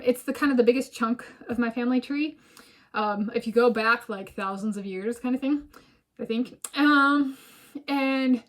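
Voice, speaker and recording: A woman vlogger thinking aloud in a meandering personal monologue, filming herself. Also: on the high side. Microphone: self-filmed camera.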